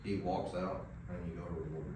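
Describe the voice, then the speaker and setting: A man working as a dog trainer, coaching an owner in a relaxed, explanatory way with many "like" and "right?" checks. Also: sits low, a little fast, noisy background. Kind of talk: casual instruction. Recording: very echoey room, mic at a distance.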